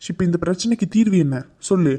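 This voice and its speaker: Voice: mid-range voice, animated, quick pace, dark tone, natural voice. Voice actor as a sulky, sarcastic young grandson. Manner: sullen, sarcastic. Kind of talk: cartoon comedy acting.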